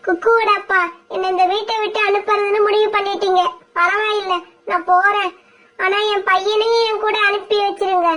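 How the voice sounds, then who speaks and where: Sad mama sparrow in a cartoon, woman doing it, super high voice, begging and teary. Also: flat delivery, normal speed, fairly bright tone. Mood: tearful. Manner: pleading, tearful. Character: gentle mother sparrow, wronged and grieving. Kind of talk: cartoon voice acting.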